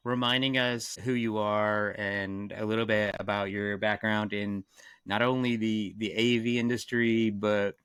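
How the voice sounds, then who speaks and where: A man's voice: fairly low pitch, little pitch movement, a little slow, fairly bright tone, smooth, no echo. A man hosting a podcast, asking loose, rambling questions and repeating words as he goes. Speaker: podcast host. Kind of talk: scripted podcast intro, then casual interview questions.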